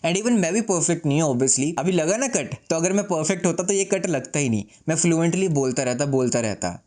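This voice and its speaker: Composed man talking slowly, a bit high. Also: expressive, a little mellow. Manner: slow, composed, deliberate delivery with pauses; mixes English phrases into Hindi. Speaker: YouTuber. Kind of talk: casual advice vlog to camera. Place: seated indoors.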